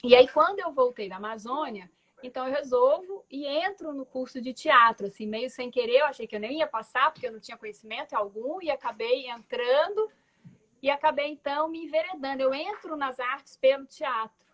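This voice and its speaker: Speaking with a high voice, lively intonation and a fairly quick, slightly bright delivery, a Belo Horizonte woman in her forties reflects on her story as a guest artist on a video call. She has a Minas Gerais Portuguese accent and often restarts and uses tag words as she talks.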